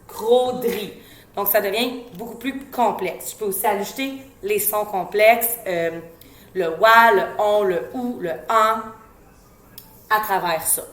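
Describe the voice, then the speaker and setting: A woman with a Québécois French accent, an educator giving parents reading tips in a casual teaching tone, slowly sounding out letters and syllables. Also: mid-range voice, fairly bright tone, echoey room. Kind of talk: informal instructional talk.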